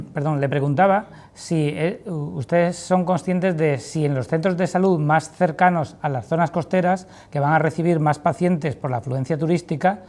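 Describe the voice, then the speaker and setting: A woman's voice: low voice, moderate pace, hardly any pauses, a little mellow. A woman interviewing on a TV programme, asking long, formal, wordy questions.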